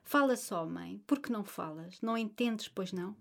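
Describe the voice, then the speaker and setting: A woman's voice: mid-range voice, animated, normal speed, vocal fry. A woman voicing an emotional young woman, a grown daughter who pleads and breaks into anguished outbursts.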